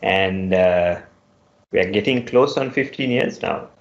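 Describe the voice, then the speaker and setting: A middle-aged man talks through his answers in a measured way, with frequent pauses. His voice sits somewhat low. The audio is roomy and dull, like a lo-fi remote recording. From Sri Lanka. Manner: measured, pausing often between phrases. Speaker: guest, company CTO. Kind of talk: casual podcast interview.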